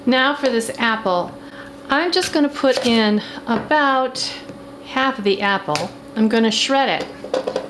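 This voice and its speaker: A middle-aged woman with a natural, slightly high voice plays a campy, glamorous housewife hosting a chatty cooking show in a home kitchen, with a theatrical drag-queen flair. Kitchen background noise can be clearly heard.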